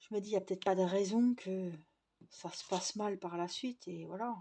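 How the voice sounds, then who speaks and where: A woman's voice: mid-range voice, moderate pace, noisy background. A young woman chatting casually to her viewers, rambling with lots of fillers and restarts. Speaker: vlogger.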